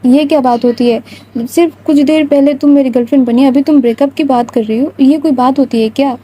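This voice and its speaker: A woman's voice: high voice, steady tone, dark tone, natural voice, poor audio. Woman doing bubbly young girlfriend Priya. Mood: playful. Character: playful young woman in love, bubbly and pleading.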